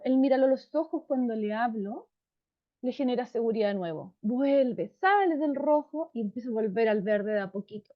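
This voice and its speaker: A woman psychologist explains things to parents in a warm, calm, unhurried tone, often checking in with them. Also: on the high side. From Chile. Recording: dull lo-fi sound.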